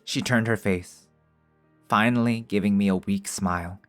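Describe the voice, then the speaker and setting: A man's voice: on the low side, fairly even intonation, moderate pace, soft background music. A man reading a visual novel aloud as narration and breaking off to joke and swear in casual commentary. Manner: swears freely, jokes between narrated lines.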